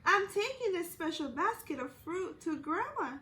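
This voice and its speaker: A woman's voice: very high-pitched, big pitch swings, moderate pace, pushed and bright, roomy sound, exaggerated voice. A woman voicing a sweet, trusting little girl in a storybook, with a careful, wondering manner. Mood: cheerful.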